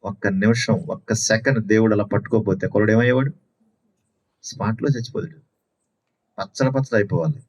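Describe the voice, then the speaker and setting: A man's voice: fairly low pitch, fairly even intonation, a little fast, pauses often, darkish tone. A man preaching a sermon at a Sunday house meeting, telling stories and asking rhetorical questions with lots of repetition. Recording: dull lo-fi recording.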